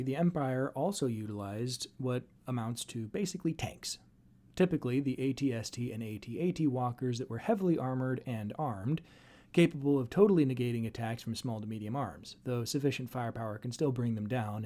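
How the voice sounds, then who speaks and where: A man's voice: mid-range voice, warm tone. A man narrating an explanatory fan commentary as a host, with wry, dryly sardonic asides. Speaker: host and narrator of a video series.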